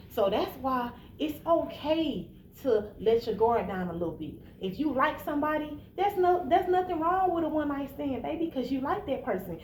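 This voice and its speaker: Here the woman's voice is high-pitched with a darkish tone. She's an American around thirty-one, bluntly and emphatically telling the listener how to handle relationships in a casual, informal monologue, recorded in an echoey room with faint background noise.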